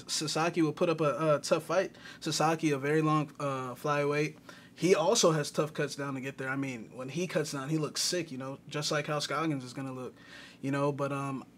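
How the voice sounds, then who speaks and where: A man's voice: fairly high pitch, a little hiss or hum. A man co-hosting a sports betting podcast, talking in a laid-back casual way with many fillers. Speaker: podcast co-host.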